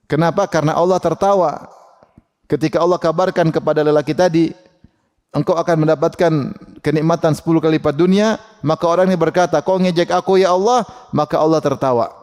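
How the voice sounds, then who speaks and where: A man delivers a sermon in a chatty, animated way, posing questions to his listeners and answering them himself. His voice sits a little high for a man. The sound carries a long hall echo. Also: fast. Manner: conversational, asks and answers his own questions; acts out quoted speech in a lively voice. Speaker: Islamic preacher.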